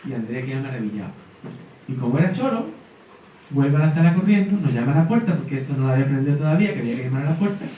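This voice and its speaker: A man's voice: mid-range voice, rapid-fire, muffled recording. Man telling a story in an echoey hall. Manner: animated storyteller, acts out quotes. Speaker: speaker at an education panel. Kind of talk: storytelling talk to an audience. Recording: echoey hall from far off, faint noise.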